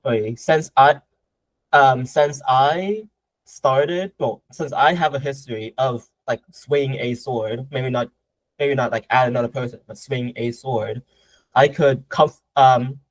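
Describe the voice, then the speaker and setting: A man's voice: medium pitch, unhurried, no echo, low-quality recording. A young man from Southern Vietnam, answering interview questions casually, with a lot of hesitation, fillers and restarts. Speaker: guest martial artist.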